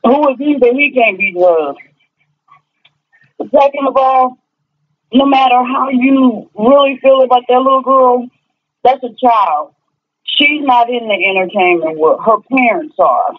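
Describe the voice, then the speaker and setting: A woman's voice: fairly high pitch, measured pace. A woman calling in over a speakerphone, giving her opinion plainly and laying out her points one by one. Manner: plainspoken, lays out points in order. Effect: heard over a phone on speakerphone. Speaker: caller. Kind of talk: casual chat. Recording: tinny phone line on speaker.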